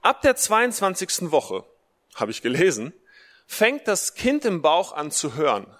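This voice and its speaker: Huge swings in pitch mark this slightly high, bright-voiced preacher as he moves at a measured pace through a casual Mother's Day sermon streamed online. His family background is Russian-German, in Germany. He cannot roll his R owing to a speech impediment, repeats short phrases for emphasis, and sounds surrounded by long hall reverb.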